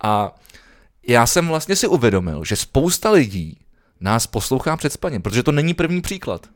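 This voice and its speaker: A man's voice: medium pitch, very animated. A man from Prague with a Prague Czech accent, co-hosting a casual podcast, laid-back and chatty, laughing often. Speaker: podcast co-host.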